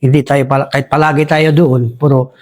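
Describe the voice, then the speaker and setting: A man's voice: medium pitch, flat delivery, a little fast, darkish tone. Male ex-soldier guest from Basilan; deferential, rambling, peppers every line with "Sir," mid-range voice. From Basilan, Philippines. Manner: respectful, says "Sir" constantly, rambling with restarts. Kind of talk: casual war storytelling.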